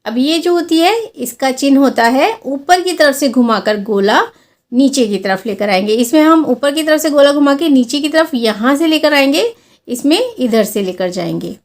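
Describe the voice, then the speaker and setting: Woman, language teacher, high pitch, patient step-by-step explanation, stretched-out example words. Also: lively intonation. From India. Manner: slow, careful explanations, drawing out sample words to show long and short vowels. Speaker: Hindi teacher. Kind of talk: classroom-style lesson explaining vowel signs.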